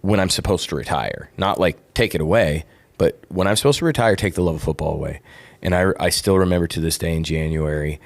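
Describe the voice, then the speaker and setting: A man's voice: deep voice, fast, vocal fry. A middle-aged man, a former football player co-hosting a podcast, earnestly telling a personal story in casual chat.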